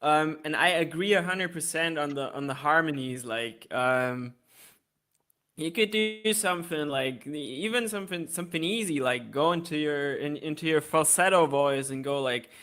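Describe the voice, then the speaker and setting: A man's voice: a little high, moderate pace, pushed and bright. A man on an online call giving easygoing, practical feedback on a song, often restarting his sentences. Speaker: music reviewer. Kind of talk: casual review chat on a live stream.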